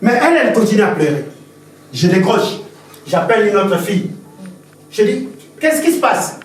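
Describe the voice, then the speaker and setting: A man's voice: high voice, big pitch swings, normal speed, soft background music. A man preaching a sermon as pastor, impassioned and repetitive, telling stories to the congregation. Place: church hall. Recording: very echoey church hall, distant mic.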